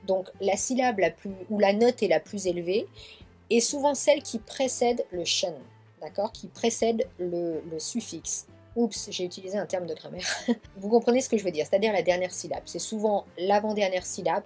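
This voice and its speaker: Husky-voiced French woman, English teacher, slowly drills words, soft music underneath. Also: mid-range voice. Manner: slow, drawn-out repetition of model words. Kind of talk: pronunciation lesson.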